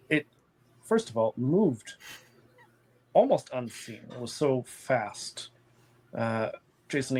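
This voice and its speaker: A man narrating an improvised tabletop game as game master, descriptive and deliberate. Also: medium pitch, darkish tone.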